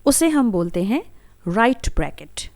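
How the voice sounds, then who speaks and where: A woman's voice: a little high, sing-song, unhurried, a little mellow. A woman, teaching a vocabulary lesson as a voice-over for slides, patiently saying each term and repeating it with care. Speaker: English teacher. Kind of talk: slow explanatory lesson.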